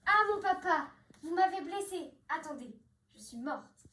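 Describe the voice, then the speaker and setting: A woman presenter with a high voice delivers cheerful, scripted closing remarks. She talks in a playful, lighthearted way. The recording is echoey with faint noise behind her. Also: lively intonation, a little slow, bright, forceful tone. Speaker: show presenter.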